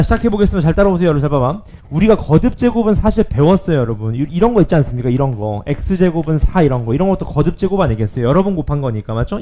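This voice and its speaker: A male math teacher giving a lively classroom lecture, often checking in with his students. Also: a little high, lo-fi sound.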